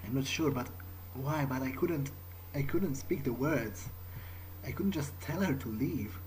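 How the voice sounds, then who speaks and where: Slightly slow and a bit mellow, this medium-pitched male voice comes through a low-quality recording with faint hiss or hum. A let's player improvises in character as a brooding, guilt-ridden young male vampire, hesitating and often repeating words over video game ambience.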